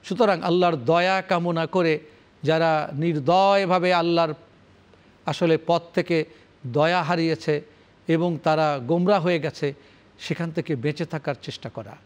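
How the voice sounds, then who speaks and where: A man with a fairly high voice delivers a formal religious lecture on the Quran for television. He chants Arabic verses, then builds solemn, rhythmic chains of repeated phrases to explain them. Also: steady tone, a little slow. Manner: formal, solemn address to the audience. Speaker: Islamic scholar presenting Quran commentary.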